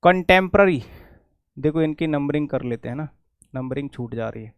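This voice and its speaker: A middle-aged Indian English teacher leads a spelling lesson, spelling words out and repeating them over and over. His voice sits a little high and sounds smooth and clear. The recording is dry and close, with no room sound. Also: lively intonation, moderate pace, no room sound. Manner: explains patiently, spells words out letter by letter; repeats words many times, slips and corrects himself. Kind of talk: spelling lesson for exam students.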